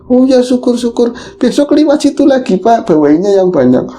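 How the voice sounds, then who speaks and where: A man voicing a fretful middle-aged village wife with a shrill, pleading manner in a spoken horror story. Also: sing-song, moderate pace, warm tone, slight background noise.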